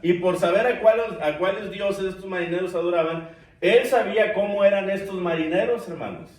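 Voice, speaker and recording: A preacher teaches a church Bible class, calling the listeners brothers and asking the group questions. His voice is high, brisk and a little mellow, captured by a distant mic in an echoey church room.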